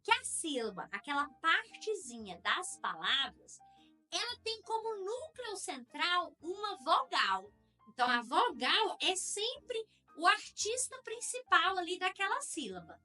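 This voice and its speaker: A young woman with a Central-West Brazilian accent teaches an online class in a very high, bright, animated voice. She explains patiently, step by step, checking in with her listeners as she goes. Soft children's music plays faintly behind her. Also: measured pace. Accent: Central-West Brazilian Portuguese. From Goiás, Brazil.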